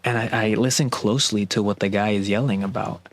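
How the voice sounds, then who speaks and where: A man's voice: lowish voice, fairly even intonation, fairly quick, faint music behind. A young man casually recounting a work story, rambling with lots of "like" and restarts, sounding bewildered. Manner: rambling, heavy use of "like", restarts; exasperated, bewildered retelling.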